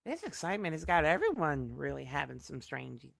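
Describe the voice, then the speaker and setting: A woman adds color commentary beside the main caller. Her voice is on the low side but swings widely in pitch. She keeps her remarks playful and giggly. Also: very animated, a little fast, gravelly, a bit bright. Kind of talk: casual co-commentary.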